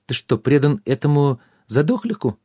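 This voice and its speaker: Guy doing a tiny squeaky fairy girl, bossy and cheeky, voice jumps around a lot. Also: very animated, fairly quick, a little mellow, breathy edge, no room sound, clean studio sound. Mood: indignant. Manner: high squeaky and pert.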